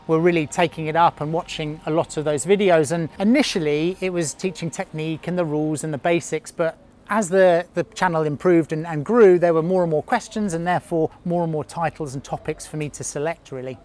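Low-voiced woman padel coach explaining. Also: steady tone, a little fast, darkish tone. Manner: explanatory, teacherly. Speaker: padel coach and online video creator. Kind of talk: interview.

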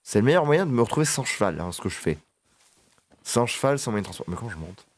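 A man giving casual gameplay commentary, excitable and swearing, chatting to his horse as he plays. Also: medium pitch, quick pace. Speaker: gaming video creator.

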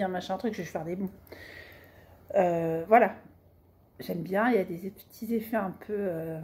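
A woman's voice: medium pitch, mellow. A middle-aged woman chatting casually through a fabric haul on her sewing vlog, colloquial and self-mocking, with plenty of fillers as she goes. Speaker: sewing vlogger.

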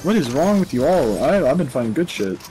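A man's voice: on the high side, very animated, a little fast, over music, rough recording. A young man chatting casually during a game, often complaining and repeating himself. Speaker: gamer in a squad voice chat. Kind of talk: casual gaming chat.

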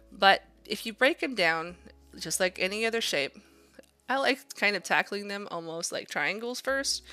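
A woman with a bright, fairly low voice narrates a drawing demonstration as an art instructor. Her delivery is casual and encouraging, with a slight creak, and she thinks aloud as she works.

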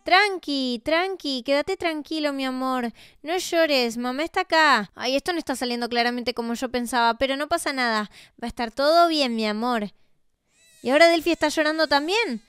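A woman's voice: high-pitched, fairly bright tone, clean tone, no room sound, clean studio sound. A woman with an Argentine accent narrating a game role-play and speaking in a tender, soothing, motherly way. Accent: Argentine Spanish.

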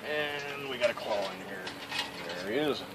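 A man's voice: medium pitch, moderate pace, noisy background. A middle-aged man with a Southern US accent, casually narrating a backyard cooking video in a folksy, self-amused way. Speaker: cooking channel host. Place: backyard outdoors, then indoors at home. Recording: insects and crickets behind.

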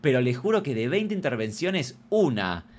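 A young adult man with an Argentine accent, chatting casually and animatedly with viewers, full of slang. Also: medium pitch. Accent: Argentine Spanish. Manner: rapid, animated, slangy and expressive. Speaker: comedian streamer.

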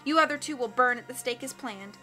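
Woman putting on a wheezy male storybook villain, smug, sneering, cruel, soft and lowered voice, bright tone. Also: fairly quick, soft background music. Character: scheming male villain in a detective disguise.

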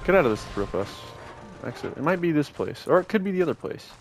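A man's voice: on the high side, fast talker, soft background music. Cursing young man playing a horror game. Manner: profane, excitable, talks to the game. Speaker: gaming channel host.

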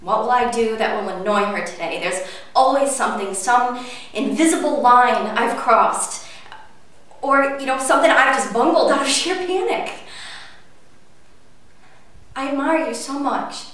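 A woman in her twenties acting a dramatic monologue as an anxious, hurt young woman, halting and earnest, with pauses. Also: on the high side, fairly bright tone, close to an everyday voice. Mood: anxious, flustered. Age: 20s. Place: indoor room with blue backdrop. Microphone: distant camera microphone. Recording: very echoey room, distant mic, faint noise.

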